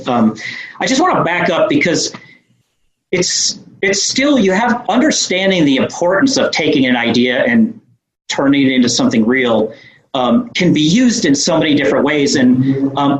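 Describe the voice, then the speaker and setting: A man with a New York accent explains his ideas as a podcast guest. He rambles easily through fillers and restarts. His voice carries a roomy echo. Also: medium pitch. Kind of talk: casual interview conversation.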